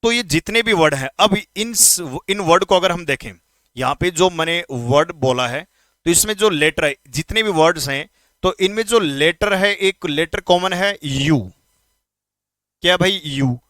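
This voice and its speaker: A man teaching English grammar in an exam-prep lesson, speaking informally to students and repeating words slowly to drill pronunciation. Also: high voice, pushed and bright, no room sound. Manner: addresses students informally, asks quick questions.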